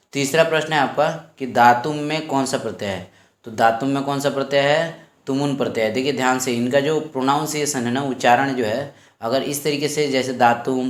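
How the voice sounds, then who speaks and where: A male teacher going through exam questions step by step, saying each question aloud twice before he answers it. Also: medium pitch. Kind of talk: exam-prep lesson. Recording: echoey room.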